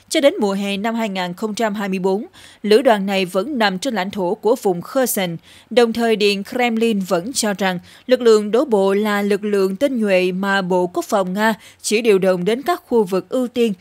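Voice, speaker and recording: A woman presenting scripted news in a formal, measured newsreader delivery. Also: mid-range voice, a little mellow, no room sound.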